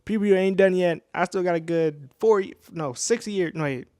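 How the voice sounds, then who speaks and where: Nineteen-year-old male vlogger, rambling slangy storyteller, voice a bit high, dry room. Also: normal speed, darkish tone, no echo. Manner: rambling, many restarts, slangy "bro". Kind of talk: casual storytime monologue. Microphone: new desk microphone.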